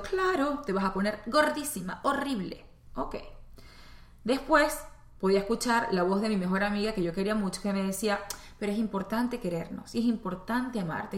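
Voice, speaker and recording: A Venezuelan woman with a Venezuelan accent, a spiritual teacher and astrologer, delivers a spoken self-help monologue at a medium pitch. She talks conversationally and speaks directly to the listener, recorded in an echoey room.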